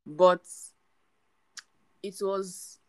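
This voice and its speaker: A woman's voice: fairly low pitch, steady tone, extremely slow, darkish tone, rough recording. Chatty young woman. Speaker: podcast co-host. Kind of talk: casual chat.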